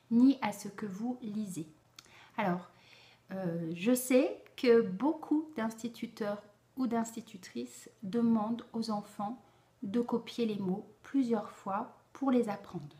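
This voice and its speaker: A woman's voice: on the high side, warm tone. A woman giving an instructional talk to parents, explaining things step by step in a didactic way. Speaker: educator giving spelling advice to parents.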